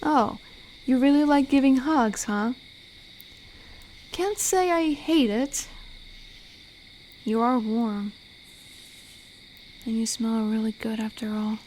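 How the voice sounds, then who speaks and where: A woman with a fairly high voice acts as a tender werewolf guarding a forest in a roleplay audio drama, speaking softly and close to the listener. Her manner is gentle, teasing and fond, playful in mood, slow-paced with long pauses. Faint crickets and a little hiss or hum sit in the background.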